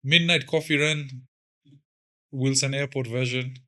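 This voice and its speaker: Earnest man hosting a chat show, bright voice, stumbles into sentences. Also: medium pitch, steady tone, a little slow. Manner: earnest, repeats words when starting. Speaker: podcast host. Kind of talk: casual podcast chat.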